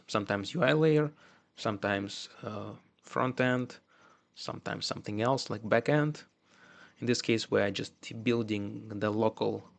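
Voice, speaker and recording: Fixing errors during a live coding stream, a Russian-accented man mutters to himself and keeps restarting his phrases haltingly. He has a fairly low, creaky voice.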